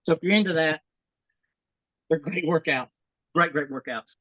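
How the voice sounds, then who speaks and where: Demonstrating exercises and giving advice on a video call, a female fitness instructor sounds slightly breathless and urges people to keep it simple. Her low, fairly bright voice moves at a moderate pace in a dry, lo-fi recording.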